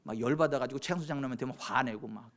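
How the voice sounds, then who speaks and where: A man preaching a sermon as pastor, swinging from soft chatty asides to loud fervent exhortation and teasing church members. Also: medium pitch, racing. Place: church sanctuary.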